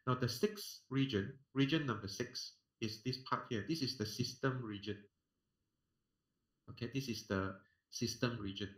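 A man's voice: medium pitch, normal speed. A man with a Singaporean accent giving an explanatory technical lecture in a colloquial way, often posing questions and answering them himself. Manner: colloquial, uses sentence-end particles, poses and answers own questions. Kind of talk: explanatory technical lecture over screen share. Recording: roomy, echoing online lecture audio.

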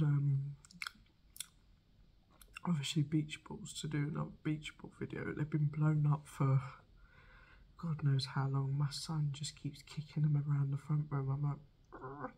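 A woman's voice: deep voice, little pitch movement, unhurried, dark tone, breathy edge. A woman in her thirties chatting casually to camera while eating, chewing as she talks, hesitant and at times nearly whispering. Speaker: mukbang video host. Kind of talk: casual mukbang chat to camera. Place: small plain room indoors. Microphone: phone on a tripod, near arm's length.

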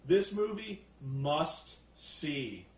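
Male review host, raised pitch, profane riffing, distant roomy recording. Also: drawn-out words. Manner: animated, profane, riffing rants. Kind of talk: casual group film review. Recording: roomy, distant, dull sound.

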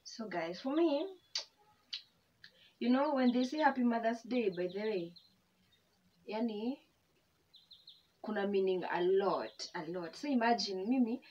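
A woman's voice: medium pitch, lively intonation, a little slow, long pauses, a little mellow. A young woman with a Kenyan accent chatting casually to her viewers while eating, grateful and open. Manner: chatty, code-switching, emotional and grateful. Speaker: vlogger. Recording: distant mic, dull sound, faint background hum.

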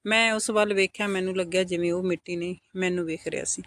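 A woman with a Punjabi accent narrating a first-person story in a soft, intimate scripted delivery. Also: fairly low pitch, fairly even intonation, quick pace, dry recording, studio quality.

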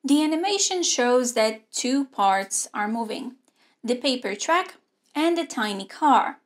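Slow-talking young woman teaching robotics. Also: on the high side, animated. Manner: clear, measured explaining with hand gestures. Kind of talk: scripted online lesson. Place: indoor studio with a grey backdrop.

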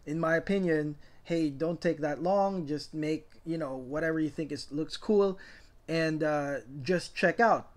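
A middle-aged man who resells sneakers talks over product shots in a loose, rambling voice-over, full of fillers and restarts. His voice sits somewhat high for a man, and he sounds keen and animated about the subject. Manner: rambling, filler-heavy, enthusiastic. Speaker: sneaker reseller and channel host. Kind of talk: casual voice-over commentary.

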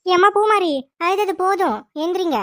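A woman's voice: very high voice, normal speed, bright, forceful tone, dry recording. A woman voicing a scheming, bossy mother-in-law in a cartoon, barking orders at her daughter-in-law. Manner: commanding, scolding servants. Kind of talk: cartoon voice acting.

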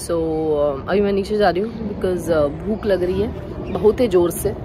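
A woman's voice: fairly low pitch, measured pace, noisy background. A woman in her thirties chatting casually as a family vlogger, mixing in English words. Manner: chatty, switching between Hindi and English. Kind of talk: casual family vlog chat.

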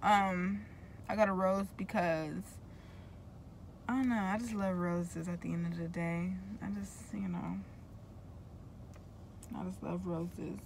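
A young adult woman vlogger with braces chats casually to the camera from inside a parked car, rambling, slangy, and often interrupting herself. Her voice is on the low side and gravelly, with fairly even intonation, a slow pace, and long pauses, plus a little hiss or hum in the audio.

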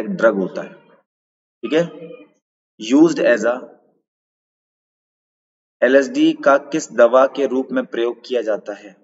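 Husky and a little mellow, this man's medium-pitched voice leads a live online quiz lesson where he explains each answer step by step and checks in with viewers. He says hello to people in chat and asks them to respond, all captured in dull, lo-fi sound with a long reverb tail.

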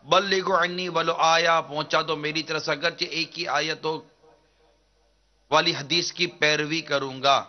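A man preaching a devotional sermon in an earnest, measured declaiming manner. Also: a little high, fairly even intonation. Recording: dull lo-fi recording.

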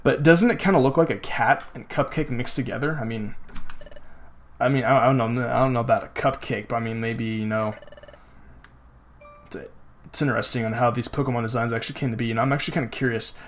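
Young guy rambling over a game playthrough, swears a lot, says like constantly, mid-pitched voice. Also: fairly even intonation, fairly quick. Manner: rambling and profane, heavy use of "like". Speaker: gaming channel host. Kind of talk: let's play commentary. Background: game music.

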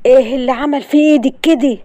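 A woman's voice: sits high, fairly even intonation, fast talker, mellow, no echo, clean studio sound, pitched above the performer's own voice, lightly acted. A woman voicing a stern, protective young man with an Egyptian accent, who speaks in a curt, commanding way.

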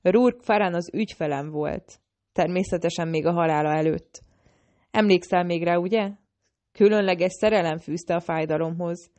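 A woman's voice: fairly low pitch, dark tone, natural voice. A woman reading as a scheming male assassin. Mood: taunting.

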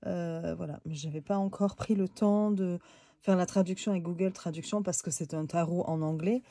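A woman's voice: on the low side, steady tone, normal speed, mellow, dry recording. A woman with a head cold, talking nasally and hesitantly through a casual tarot deck review. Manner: hesitant, many fillers, chatty.

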